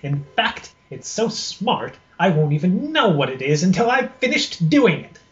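A man's voice: sits high, big pitch swings, measured pace. A man playing a flighty, self-important little fairy spymaster. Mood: smugly cunning. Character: tiny invisible male fairy spymaster, flighty and boastful. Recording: roomy, noisy, muffled tabletop recording.

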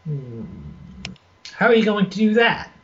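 A man's voice: high voice, sing-song, measured pace, fairly bright tone, pitched above the performer's own voice, exaggerated voice. A man voicing a tiny, whimsical, boastful male fairy spymaster in a tabletop roleplaying game. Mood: puzzled. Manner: self-important, whimsical. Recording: roomy, noisy, muffled tabletop recording.

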